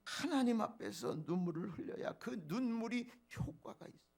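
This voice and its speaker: A male pastor preaching a dawn prayer sermon, swinging from soft low asides to loud emphatic peaks and speaking straight to the congregation. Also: animated, normal speed, creaky. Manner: preacherly, addresses congregation directly.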